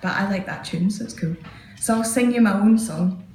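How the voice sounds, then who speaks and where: A woman's voice: mid-range voice, moderate pace, darkish tone, a little hiss or hum. A Scottish woman doing a live stand-up set, telling chatty, self-mocking stories into a stage mic. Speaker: stand-up comedian. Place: small bar stage, indoors. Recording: echoey live venue.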